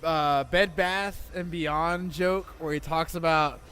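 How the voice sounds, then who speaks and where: A man's voice: fairly high pitch, fairly even intonation, slow, a bit bright, smooth. A man co-hosting a casual podcast chat, acting out comedy bits in quoted voices. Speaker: podcast co-host.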